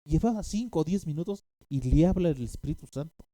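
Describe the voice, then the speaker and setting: A man's voice: on the high side, lively intonation, fairly quick, warm tone, no room sound. A man preaching a sermon, telling a story with many restarts and fillers and bursts of animation.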